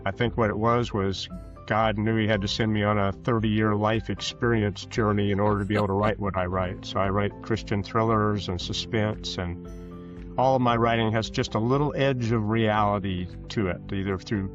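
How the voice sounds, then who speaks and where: Over music, a Kansas author and ex-police officer in his sixties answers casually in a low, steady voice. He's an American from the rural part of the state, and his phrasing is hesitant, halting and folksy, with roomy, dull lo-fi sound.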